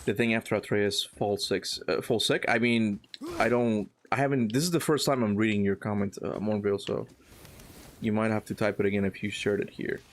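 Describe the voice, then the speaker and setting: This Cuban-born gaming streamer talks casually with his viewers while he plays, reading their chat aloud and laughing a lot. His voice is fairly low and steady, and he speaks fairly quickly. There's a faint hiss or hum in the recording.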